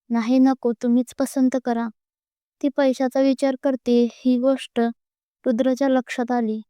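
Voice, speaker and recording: A woman's voice: high-pitched, warm tone, smooth, dry recording, clean studio sound. A woman narrating a scripted romantic story, reading steadily.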